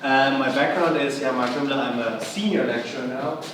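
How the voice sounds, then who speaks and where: A middle-aged university lecturer with a German accent gives a chatty conference talk in a large hall, his mid-range voice moving at normal speed and full of fillers and restarts. The hall is echoey, he sounds far from the mic, and a noisy room hums behind him.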